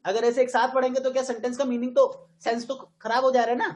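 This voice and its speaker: A woman with an Indian accent teaching an English grammar class, switching between Hindi and English and slowing right down to model stressed words. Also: fairly high pitch, level tone, darkish tone, low-quality recording. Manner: quizzes the students with frequent questions.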